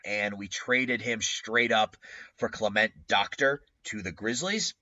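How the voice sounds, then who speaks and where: A man's voice: fairly low pitch, slow, sharp tone, no room sound. A man hosting a casual game commentary, talking loosely with frequent fillers, his voice sounding tinny like it's in a tin can. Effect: tinny tin-can sound from a poor mic. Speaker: gaming channel host. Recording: dull lo-fi tinny mic, dry.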